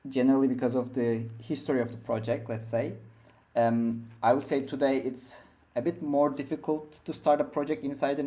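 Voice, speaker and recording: A young Turkish man, a developer appearing as a podcast guest, speaks from home in a mid-range, dark-toned voice. He sounds hesitant, with lots of fillers and restarts.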